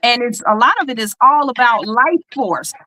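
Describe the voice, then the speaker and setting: A woman's voice: on the high side, normal speed, bright, forceful tone, rough recording. A woman hosting a casual livestream over a video call, talking with many fillers and frequent laughs. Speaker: host reading spiritual charts.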